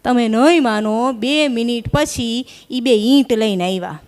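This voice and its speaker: A woman's voice: a little high, measured pace, darkish tone. A young woman comedian, doing live stand-up at a microphone and teasing the audience in a chatty way. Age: young adult. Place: live stage at an event hall. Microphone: stage microphone.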